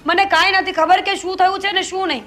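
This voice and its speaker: A pleading, high-voiced young wife. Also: female voice, fairly even intonation, fast, a bit bright, faint music behind. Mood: anxious, earnest. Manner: earnest, pleading. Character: loyal pleading young wife, torn between husband and family. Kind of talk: family film drama.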